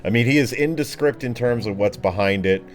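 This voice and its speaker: Over background music, a man with a mid-range voice narrates a tabletop fantasy game as game master at a fairly quick clip. He improvises descriptions casually and drops in slangy asides.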